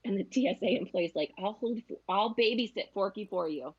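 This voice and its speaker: Over lo-fi sound with crowd noise behind her, a woman in her thirties talks a little fast at a medium pitch. She's a travel agent guest chatting casually, telling stories and acting out the quotes.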